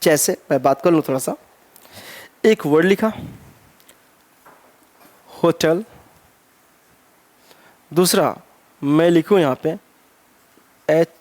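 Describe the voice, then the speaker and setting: Man teaching grammar, spelling words slowly. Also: fairly high pitch, darkish tone. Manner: asks himself rhetorical questions, mixes English phrases into Hindi. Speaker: English teacher. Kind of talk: exam-prep grammar lesson.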